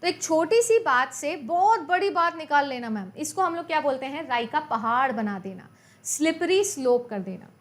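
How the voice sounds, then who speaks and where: This woman's voice is high and expressive, moving at a normal speed as she teaches an exam-prep class in a conversational style. She blends Hindi with English terms, goes over her points repeatedly, and keeps putting questions to the students.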